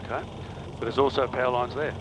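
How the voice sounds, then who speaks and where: A man on a cockpit headset, calm flight instructor. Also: medium pitch, fast. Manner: calm, coaching, matter-of-fact. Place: small aircraft cockpit in flight. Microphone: cockpit headset intercom. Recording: engine noise over intercom.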